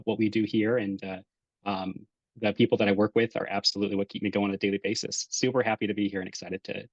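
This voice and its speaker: A man with a low, husky voice introduces himself in a friendly, halting way with many fillers. He talks into a phone, so the sound is dry and muffled. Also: dry recording. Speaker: value consultant. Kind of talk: webinar self-introduction. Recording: dull, dry phone audio.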